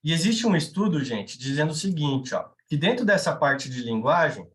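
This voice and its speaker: Brazilian male instructor, slightly high-pitched, casual classroom delivery with frequent check-in questions. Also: very animated, moderate pace. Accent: Brazilian Portuguese. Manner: conversational, checks in with tag questions. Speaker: veterinary sales instructor. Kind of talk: live class lecture.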